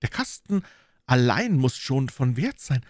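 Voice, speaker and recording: A composed young Victorian lady speaks softly and gently, her voice lifted high, as a male narrator puts her on. The reading is close and dry, with no room sound around it. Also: sing-song, unhurried, no room sound. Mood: gentle. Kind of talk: audiobook reading.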